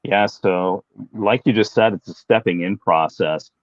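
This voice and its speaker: A man in his late fifties, a fitness professional telling his own story in a relaxed, self-deprecating way during an interview. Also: deep voice, measured pace, no echo, dull audio. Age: 50s.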